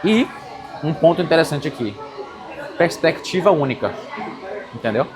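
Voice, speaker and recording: Speaking with a Brazilian accent, this casual interviewer has a fairly high, sing-song voice at a moderate pace, and often makes sure his listener follows as he lays out ideas. Music plays in the background along with crowd noise.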